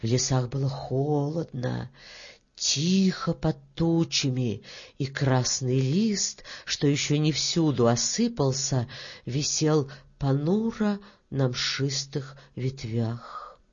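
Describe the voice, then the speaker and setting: A woman reads a fairy tale aloud in an unhurried, expressive way, at an even, middle pitch. The recording sounds dull and lo-fi. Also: husky. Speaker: narrator. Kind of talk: audiobook fairy-tale narration.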